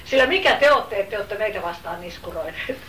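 A woman preacher giving an emphatic sermon, swinging between loud exclamations and hushed asides. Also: mid-range voice, lively intonation. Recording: roomy hall, voice from far off, faint noise.

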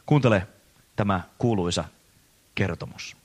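A man preaching a sermon in an earnest, measured way, slowing down to stress key phrases. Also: on the low side, husky.

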